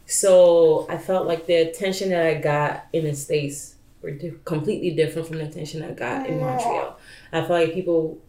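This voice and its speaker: A woman guest telling stories in a relaxed, casual conversation. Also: deep voice, normal speed, reverberant.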